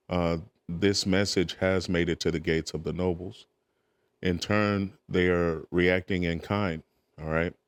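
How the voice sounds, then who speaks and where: A man's voice: sits low, no room sound. A man preaching, reading archaic scripture verses aloud and breaking in with short asides to his listeners. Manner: reads archaic verses, tags asides with "all right?".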